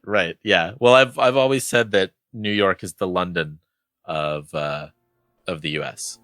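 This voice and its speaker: A man co-hosting a podcast in relaxed, rambling casual chat, often correcting himself as he goes. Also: sits low, measured pace, no room sound, clean studio sound, faint music behind. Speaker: podcast co-host.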